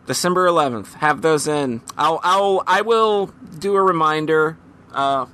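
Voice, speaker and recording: Bright-voiced man hosting a podcast. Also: on the high side, lively intonation, measured pace, smooth. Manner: loose and rambling, full of ums and casual swearing. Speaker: podcast host. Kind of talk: casual podcast chat.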